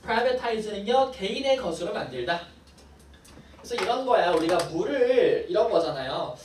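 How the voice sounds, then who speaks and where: A woman English teacher takes her students through a vocabulary lesson, moving quickly from word to word and teasing the class now and then. Her pitch jumps around a lot as she talks. She sounds distant, and the classroom echo hangs around her voice, with a faint room hum behind it. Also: animated. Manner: brisk, playful asides to students. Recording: echoey classroom from far off.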